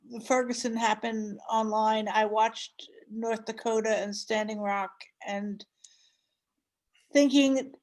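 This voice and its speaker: A woman speaking hesitantly in a casual discussion, with sighs and halting starts. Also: on the high side, poor audio. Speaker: participant in an activist forum. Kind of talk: casual discussion on a video call. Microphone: video call.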